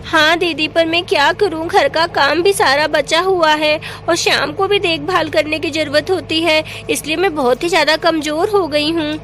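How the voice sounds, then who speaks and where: A woman's voice: sits high, moderate pace, few pauses, a bit bright. A woman voicing a weary young village woman who speaks weakly and apologetically. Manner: weak, apologetic.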